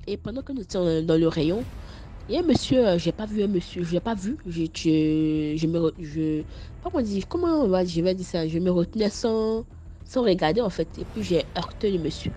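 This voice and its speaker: In a laid-back storytime vlog aimed straight at her viewers, an Ivorian young woman with an Ivorian French accent stammers energetically, moving from scolding to narrating and back. Her voice is lowish and her speed normal, and a slight hiss or hum can be heard.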